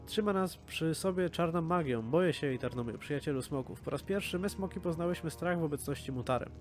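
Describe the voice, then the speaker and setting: A man's voice: on the high side, brisk, close to an everyday voice. A man voicing a dying, frightened green dragon, speaking its last words in a weary, solemn tone over game music. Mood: sad.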